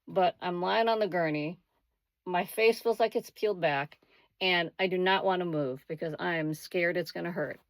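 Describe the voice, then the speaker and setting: Low-voiced woman telling a dramatic story. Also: moderate pace, dry recording. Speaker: vlogger. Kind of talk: casual first-person storytelling.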